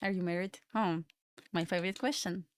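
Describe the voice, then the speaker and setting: During a live trading stream from a home room in Florida, a young adult woman from Belarus speaks with a Russian accent in a lowish, fairly even voice, a little fast. She chats loosely and rambles, answering chat questions between comments on the market, with no echo.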